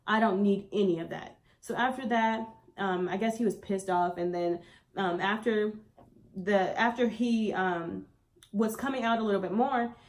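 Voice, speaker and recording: A woman's voice: medium pitch, measured pace. A young woman vlogger casually telling a personal story, acting out what people said along the way. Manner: animated retelling, acts out quoted lines.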